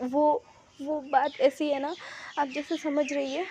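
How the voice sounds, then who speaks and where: A woman's voice: high-pitched, level tone, slow pace, dark tone. A woman voicing a panicky young man who stammers and pleads with his mother. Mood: pleading.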